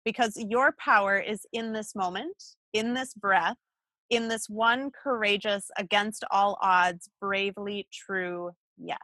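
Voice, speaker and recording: A woman co-hosting a podcast, reading a guest introduction in a poised, measured way. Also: medium pitch, sharp tone, no echo. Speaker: podcast co-host. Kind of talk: reading a guest bio, casual chat.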